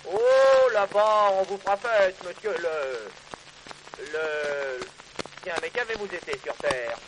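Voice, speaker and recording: A man's voice: high-pitched, lively intonation, takes it slowly, noisy background. A man voicing a stern, strict old saint who guards a gate, declaimed in a theatrical poetry recitation on an old phonograph record. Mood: mocking.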